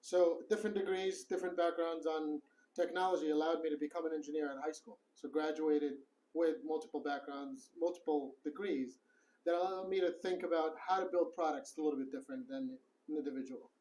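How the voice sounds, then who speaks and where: A man's voice: fairly high pitch, fairly even intonation, fairly quick, dark tone, low-quality recording. A middle-aged man from Morocco, a company co-founder, steadily explaining technical matters in an office interview. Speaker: guest, tech co-founder. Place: office in the city.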